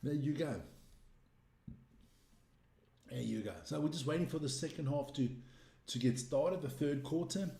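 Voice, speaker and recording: A chatty South African man with a South African English accent hosts a live stream from an echoey room, rambling casually and reading viewer comments aloud. His mellow, slightly high voice is gravelly, with a measured pace and long pauses.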